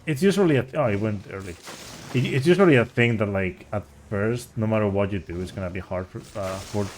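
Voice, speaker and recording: A man's voice: fairly low pitch, a little fast, a little hiss or hum. A man giving casual, rambling commentary as he streams a speedrun. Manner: rambling and chatty, with frequent restarts and "like".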